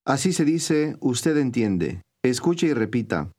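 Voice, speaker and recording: A man's voice: mid-range voice, very animated, a little mellow. Man narrating a recorded language lesson. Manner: clear, measured teacher's delivery. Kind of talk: scripted instructional narration.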